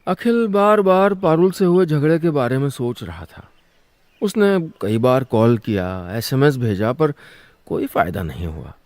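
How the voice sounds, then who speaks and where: Lively male storyteller, wry and conversational. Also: medium pitch, a little slow, no echo. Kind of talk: scripted audio story narration.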